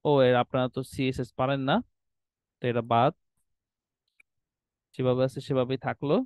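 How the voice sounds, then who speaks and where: A man's voice: mid-range voice, level tone, normal speed, a little mellow, smooth, no echo. A man walking students through website design settings on screen, often checking in with "ঠিক আছে?" and mixing in English terms. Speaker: web design instructor. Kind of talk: screen-recorded tutorial walkthrough.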